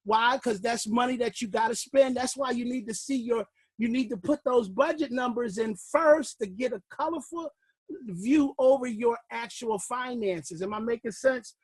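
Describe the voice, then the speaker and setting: A man leading a class on a recorded call, delivering it like a fiery preacher, shouting one moment and murmuring the next, and out of breath. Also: very high voice, normal speed, breathy edge, dry recording. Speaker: class leader. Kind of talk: motivational teaching call.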